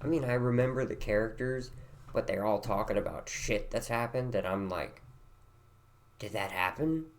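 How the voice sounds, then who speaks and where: A man's voice: on the low side, moderate pace. Tired thirtysomething guy, light west virginia country twang, rambly and self-deprecating vlog chat. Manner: meandering and self-deprecating, trails off into repeated words. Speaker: vlogger.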